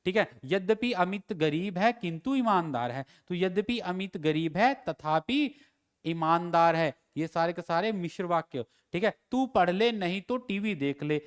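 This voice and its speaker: A man with a Himachali Hindi accent teaches a grammar class for exam candidates. His voice sits high and rings clean and resonant. He works through example sentences methodically, saying each one slowly before giving the fix. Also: lively intonation. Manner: repeats each example sentence slowly, then gives the corrected version. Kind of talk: exam-prep grammar lecture.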